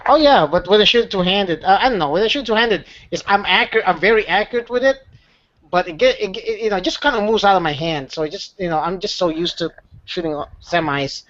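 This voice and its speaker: A man co-hosting a casual chat, talking haltingly with many restarts and laughs. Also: high voice, a bit bright, muffled recording. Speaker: podcast co-host.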